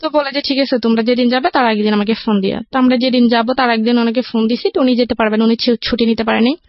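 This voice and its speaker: A young woman with a Bangladeshi accent, a guest on a radio show, tells her life story in casual, detailed conversation, including reported dialogue. Her voice is a little high, with a steady tone and fast pace. The recording is dry, dull and lo-fi broadcast audio.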